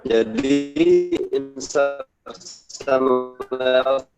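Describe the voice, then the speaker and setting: A man presenting technical details in an online work meeting, talking in a halting way with many fillers, his voice coming through glitching and choppy on a phone connection. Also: mid-range voice, big pitch swings, gravelly, loud music behind the voice. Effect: glitching, choppy audio from a phone connection. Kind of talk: technical explanation on a video call. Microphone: phone on a video call. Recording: dull lo-fi phone call audio.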